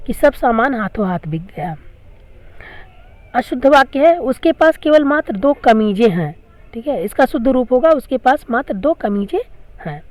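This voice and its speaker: Higher-voiced woman teaching grammar patiently. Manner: patient, repeats each question and answer. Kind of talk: classroom grammar lesson.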